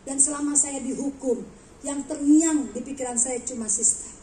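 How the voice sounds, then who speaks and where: A woman preacher telling a testimony in a lively sermon, acting out the dialogue of her story. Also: high-pitched, normal speed, echoey room, slight background noise. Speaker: guest preacher. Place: large church hall.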